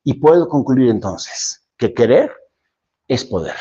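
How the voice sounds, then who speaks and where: A man giving a motivational speech, dramatic, swinging between loud emphasis and soft, low lines. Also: big pitch swings, measured pace, slightly rough. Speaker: motivational speaker. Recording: dull lo-fi recording.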